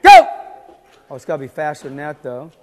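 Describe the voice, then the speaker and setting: A man's voice: fairly high pitch, fairly even intonation, racing. A man coaching a lifter live, giving insistent, repeated short commands. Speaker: weightlifting coach.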